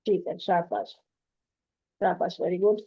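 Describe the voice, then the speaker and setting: A woman's voice: on the low side, fairly even intonation, slow pace, vocal fry, mellow, husky, highs cut off. A woman with a Pakistani Urdu accent teaching Quran recitation rules online, explaining patiently and quizzing her students. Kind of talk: online tajweed lesson to women students.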